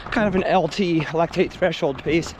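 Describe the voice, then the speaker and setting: A man in his thirties, losing his voice, reviews running shoes in a casual vlog filmed on an action camera, moving from a porch to dark streets. He speaks at a moderate pace, low-key and thinking aloud, while the camera audio picks up loud outdoor noise.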